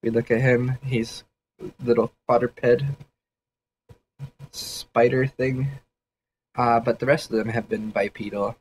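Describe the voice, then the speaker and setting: A man's voice: medium pitch, flat delivery, takes it slowly, pauses often, a little mellow, slight background noise, rough recording. A man casually thinking aloud during a livestream sketch session, rambling and hedging with fillers as he explains his ideas. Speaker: 3D artist streaming a sketch session.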